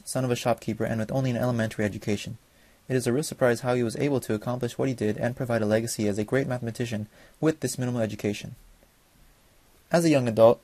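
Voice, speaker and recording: A young man, a student, gives a read-aloud class presentation at a quick clip, now and then stumbling and restarting. His voice is dark and a little husky. The recording is dry and close to the mic. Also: medium pitch, dry recording. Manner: fast, reads from notes with small slips.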